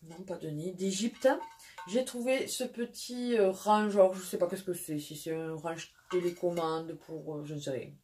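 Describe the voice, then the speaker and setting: A woman with a southwestern French accent, a mother chatting through a casual haul vlog in a rambling way, pausing often. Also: fairly low pitch, darkish tone, soft background music. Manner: chatty and rambling, with frequent pauses and restarts. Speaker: vlogger and mother.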